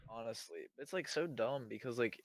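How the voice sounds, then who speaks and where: A young man co-hosting a podcast in casual chat, scornful and quick to laugh. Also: mid-range voice, no echo. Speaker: podcast co-host.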